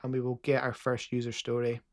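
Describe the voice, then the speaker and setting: A Scottish man talks through a live coding session in a loose, casual way, full of fillers and restarts. His voice has a gravelly, creaky edge at a middling pitch. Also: monotone, fairly quick. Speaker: host.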